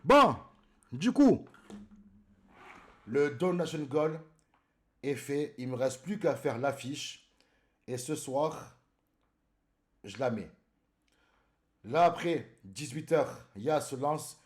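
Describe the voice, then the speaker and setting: A man's voice: mid-range voice, slow pace, pauses often, darkish tone. A man streaming live in casual chat, greeting viewers by name and calling them brother.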